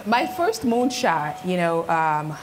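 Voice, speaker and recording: A woman who grew up in Ghana, speaking as a guest on a live event panel, earnest and measured as she tells her story. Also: lowish voice, sing-song, slight background noise, low-quality recording. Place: event stage before an audience.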